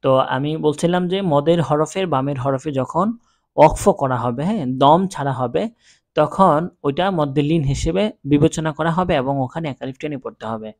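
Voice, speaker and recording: Patient male Quran teacher, fairly high voice. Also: darkish tone. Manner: spells out letters, then recites words slowly and drawn out; patient, checks in with the viewer often. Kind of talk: step-by-step recitation lesson.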